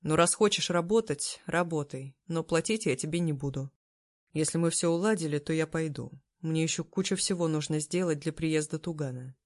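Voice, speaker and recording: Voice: medium pitch, moderate pace, lightly acted. A narrator voicing a curt commanding emperor. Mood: dry. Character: stern commanding young emperor, man. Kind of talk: audiobook character voice.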